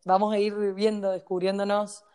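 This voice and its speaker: A woman's voice: medium pitch, little pitch movement, normal speed, mellow, smooth. A woman from Argentina with an Argentine accent, co-hosting a casual podcast and talking playfully with frequent laughs. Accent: Argentine Spanish. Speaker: podcast co-host. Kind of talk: casual chat.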